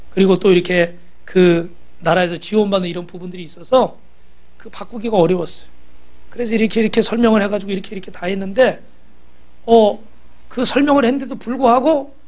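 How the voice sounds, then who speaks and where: A pastor preaching a sermon. He exhorts the congregation, asks them rhetorical questions and has them repeat after him. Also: sits high.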